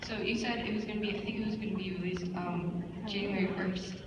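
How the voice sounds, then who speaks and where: A woman with a smoky, hoarse voice worn out from karaoke, hesitantly rambling through an audience question at a live panel. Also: mid-range voice, fairly even intonation, quick pace. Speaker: audience member asking a question. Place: large hall at a convention panel. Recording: echoey hall, distant, muffled, loud crowd noise.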